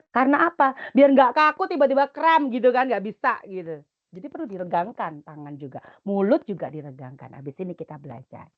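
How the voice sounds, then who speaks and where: A middle-aged woman with an Indonesian accent, coaching students and teachers in a webinar, instructive and lively, sometimes dropping to soft murmured chants. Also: mid-range voice, muffled recording. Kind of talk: webinar talk.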